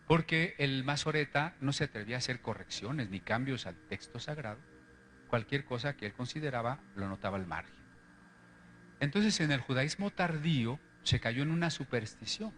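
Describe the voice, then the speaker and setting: A man's voice: mid-range voice, fairly bright tone, a little hiss or hum. A man lecturing on the history of Bible translations, explaining step by step and often checking in with his listeners.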